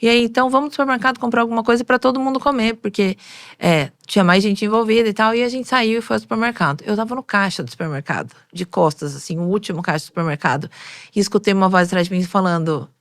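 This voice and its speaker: Woman, makeup artist, animated interview storyteller, dry close sound. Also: medium pitch, quick pace, no echo. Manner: animated storytelling, acting out quoted voices.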